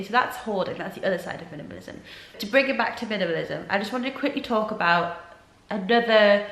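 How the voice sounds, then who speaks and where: Nasal, under-the-weather woman. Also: a bit bright. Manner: earnest, reflective, low-energy. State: ill with a blocked nose and sore throat. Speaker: vlogger. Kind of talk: casual vlog talk to camera. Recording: echoey room.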